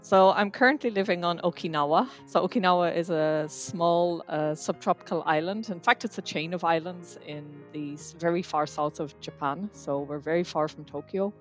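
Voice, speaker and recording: A woman's voice: fairly low pitch, moderate pace, hardly any pauses, faint music behind. Explaining woman from Ireland. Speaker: professor. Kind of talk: interview testimony.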